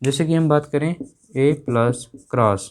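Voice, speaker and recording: A man's voice: mid-range voice, takes it slowly. A male explaining grammar in a classroom lesson, repeating each point back as a question to his students. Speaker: English teacher.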